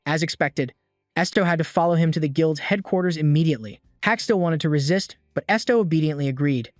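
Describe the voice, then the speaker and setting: A man reading a scripted story recap in a steady, even storytelling manner. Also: a little high, a little fast, dry recording. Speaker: recap narrator. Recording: dry voice-over with soft music.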